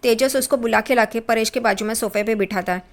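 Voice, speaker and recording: Woman casually recapping a serial, fairly high voice. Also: a little fast. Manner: retells scenes, voicing quoted lines with small pitch lifts. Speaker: narrator recapping a TV serial episode. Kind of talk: casual spoken recap narration.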